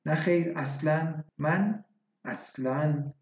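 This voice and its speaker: A woman's voice: low-pitched, a little mellow, natural voice. A man reading aloud voices a desperate, tearful village wife who pleads with a doctor. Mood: guarded. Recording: echoey, dull lo-fi recording.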